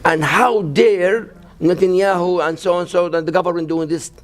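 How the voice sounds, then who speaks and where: A halting older man from Gaza, Palestine, in his 60s, speaks as an imam and guest at a mosque event, sharing a personal account in an interview. His high-pitched voice keeps fairly even intonation while his broken English stops and restarts often.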